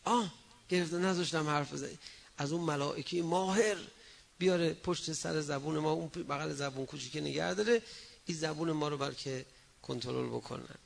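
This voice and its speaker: Gravelly preacher man exhorting. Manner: exhorting, swinging between loud emphasis and low asides; acts out quoted people in a raised voice. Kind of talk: religious sermon.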